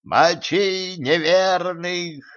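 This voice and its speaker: Guy doing squeaky little knights, shrill and cocky, muffled audio. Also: extremely slow, a bit bright, heavily acted. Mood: brash. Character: tiny armored knights, squeaky and brash. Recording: muffled lo-fi recording.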